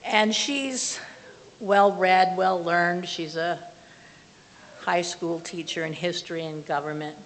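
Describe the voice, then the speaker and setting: Slow earnest older woman in church hall. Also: on the low side, fairly even intonation. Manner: earnest, plainspoken, with slow measured phrasing. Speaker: lay speaker giving a testimony. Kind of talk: personal testimony and prayer in a church service. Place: small church sanctuary, at a pulpit. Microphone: far camera from the back of the room. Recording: reverberant church hall with faint hiss.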